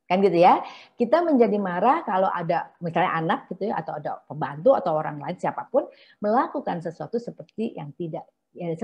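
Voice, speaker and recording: A middle-aged woman with an Indonesian accent, a psychologist giving an online seminar, explaining patiently and slipping into hushed self-talk examples. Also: on the low side. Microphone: video call. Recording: dull lo-fi video call audio.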